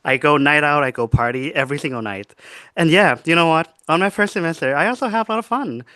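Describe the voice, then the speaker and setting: Bright-voiced young man. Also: fairly high pitch, fast talker, clear, resonant tone, no room sound. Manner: lively storyteller, many fillers. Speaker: podcast co-host. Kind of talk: casual chat.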